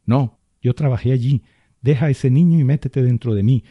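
A man's voice: medium pitch, moderate pace, no room sound, highs cut off, voice pushed up, lightly acted. Give me a man playing a firm military major. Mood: urgent. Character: stern male military major.

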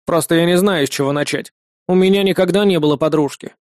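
A man's voice: fairly high pitch, quick pace, a little mellow, no room sound, clean studio sound, close to an everyday voice. A man voicing a timid male octopus friend who speaks hesitantly and sounds unsure of himself.

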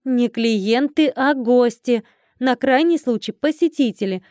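A woman's voice: sits high, moderate pace, darkish tone, no echo, clean studio sound, voice pushed up, close to an everyday voice. Karolina, woman voicing an indignant young heroine. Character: Karolina, young heroine, sharp-tongued and fussy.

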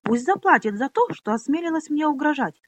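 Brief: woman reader doing a spiteful noble girl, shrill and high, sneering storybook villainess. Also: big pitch swings, moderate pace, dry recording.

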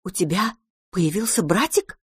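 A woman's voice: mid-range voice, very animated, normal speed, slightly rough, dry recording, clean studio sound. A woman voicing a caring, flustered mother mouse. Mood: fretful. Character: kind, fussy mother mouse.

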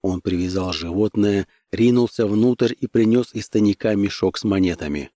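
A man narrating an adventure story in a measured, even storytelling manner. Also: on the low side, dry recording, studio quality. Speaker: audiobook narrator. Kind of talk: scripted audiobook narration.

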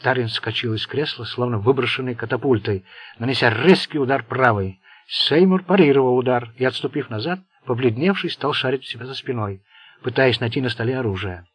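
A man narrating a crime novel as an audiobook reader, in steady storytelling. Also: mid-range voice, a little fast, breathy edge, no room sound. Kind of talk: scripted narration.

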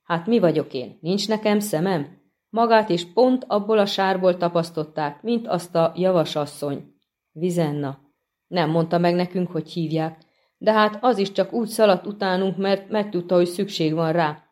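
A talkative country peasant, folksy and eager, speaking to his master with homely warmth, as a woman reads him in an audiobook. The voice sits a little low for a woman, with a dark, mellow tone. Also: close to an everyday voice. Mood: earnest. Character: chatty grateful middle-aged peasant man. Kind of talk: audiobook reading.

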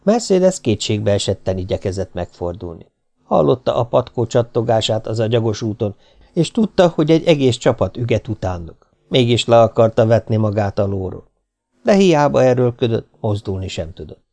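Gravelly male audiobook narrator. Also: on the low side, very animated, dark tone.

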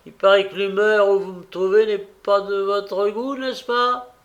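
A bitter, defiant young woman who answers back with mocking scorn, voiced by a male audiobook reader. Her lines ride higher and louder than the narration, delivered at an unhurried pace. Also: fairly even intonation. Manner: raised and mocking, taunting. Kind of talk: audiobook character reading.

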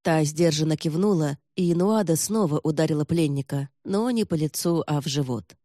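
A woman narrating an audiobook in an even, measured way. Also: deep voice, dry recording, studio quality. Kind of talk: scripted narration.

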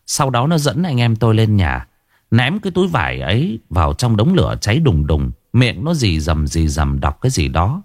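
Low, lively male ghost storyteller. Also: moderate pace, dry recording, studio quality. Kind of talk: first-person ghost story narration.

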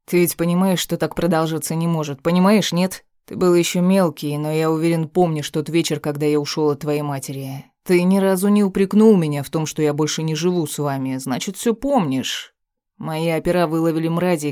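A woman voicing a harsh middle-aged police officer father who talks low, curt and menacing. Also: mellow, no echo, clean studio sound, close to an everyday voice.

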